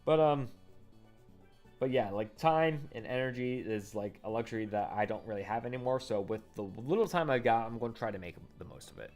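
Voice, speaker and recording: Faint music sits behind a man in his late twenties who vlogs casually for YouTube through a condenser studio microphone. His medium-pitched voice is darkish and a little fast. He rambles, often corrects himself and uses many fillers.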